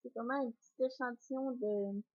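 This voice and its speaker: A woman's voice: a little high, steady tone, normal speed, darkish tone. A young woman with a Québécois French accent, hesitant and full of fillers, casually unboxing beauty products in a home vlog. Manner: hesitant, frequent fillers and throat clearing. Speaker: beauty vlogger. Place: home, indoors by a sunny window. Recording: dull lo-fi home video.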